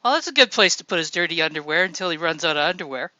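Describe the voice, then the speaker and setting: A woman's voice: lowish voice, lively intonation, racing, pushed and bright, dry recording. A woman hosting a casual group voice chat, upbeat and encouraging as she calls on each speaker. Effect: group voice chat audio. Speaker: host of a voice-chat showcase. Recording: dull lo-fi voice chat sound.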